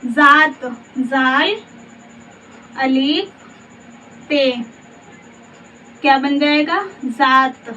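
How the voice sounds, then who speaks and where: A woman teaching a slow Urdu spelling lesson. She says each letter in turn, then reads out the whole word, and she asks the learner questions along the way. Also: high voice, fairly even intonation, bright, forceful tone. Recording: dull, muffled audio from a distance with faint background hiss.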